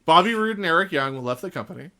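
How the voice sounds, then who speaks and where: A man's voice: fairly high pitch, expressive, quick pace, sharp tone. A man hosting a casual podcast chat, laughing often and restarting his sentences. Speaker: podcast host.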